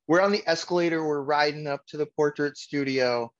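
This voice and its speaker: A man's voice: on the high side, a little fast. A middle-aged man talking bluntly and swearing freely as he tells stories in a casual podcast chat. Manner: blunt, profane storyteller. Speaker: podcast co-host. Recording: muffled lo-fi audio.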